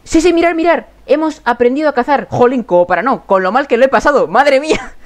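A young man with a Spain Spanish accent, doing excitable game commentary and shouting at animals in the game. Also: very high-pitched, fast. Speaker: gaming youtuber.

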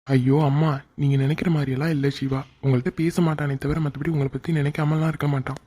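An easygoing young man in a cartoon, pitched low and talking fast, as a woman puts him on. He sounds coaxing and affectionate, with a darker tone. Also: flat delivery, warm tone, husky. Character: young man, easygoing, caring son's friend.

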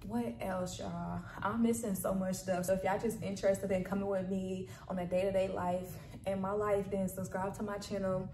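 A woman's voice: medium pitch, level tone, moderate pace, few pauses, dark tone, distant mic. A young woman vlogger chatting casually and upbeat to camera, calling her viewers y'all and baby. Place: sparsely furnished carpeted bedroom, indoors. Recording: echoey empty room with faint ambient noise.

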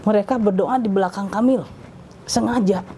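A woman guest in a casual interview, telling her life story in a lively way and acting out what others said. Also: medium pitch, normal speed, slight background noise.

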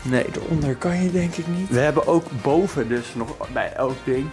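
A man's voice: a little high, moderate pace, darkish tone, faint music behind. A man in his twenties chatting casually as a vlogger into a handheld camera. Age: 20s. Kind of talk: casual vlog chat. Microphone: handheld camera at arm's length.

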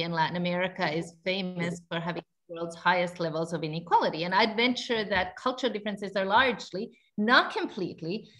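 Speaking from an indoor room through a webcam, a woman from Finland in her forties, a researcher, responds to a panel question on a video call. She has a mid-range, fairly bright voice and explains fluently, using a few light fillers.

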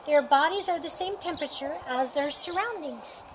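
Her voice sits high as this middle-aged woman reads a children's picture book aloud in an expressive, measured storytime style. She is in a sunny yard beside a painted wall, and the recording picks up birdsong and outdoor sounds.

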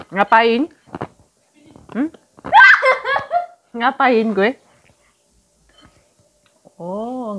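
A woman's voice: medium pitch, muffled recording, slight background noise. A woman, chatting casually in a home cooking vlog, teasing and scolding someone to finish eating. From Suriname.

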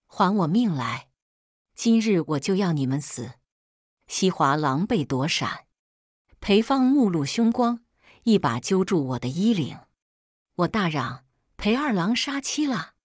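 A woman reading a first-person story as narrator, in a measured, even storytelling manner. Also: on the low side, dry recording, clean studio sound.

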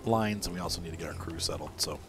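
Low-voiced male gameplay reviewer, casual and meandering, corrects himself often, home desk mic. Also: fast, over music. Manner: rambling, self-correcting, often apologizing. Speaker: game reviewer.

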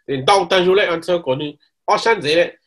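A man's voice: high-pitched, brisk, fairly bright tone. A man teaching a course on ritual language, reciting verse lines, explaining them and often checking that listeners follow, with English words mixed in. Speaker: cultural course instructor.

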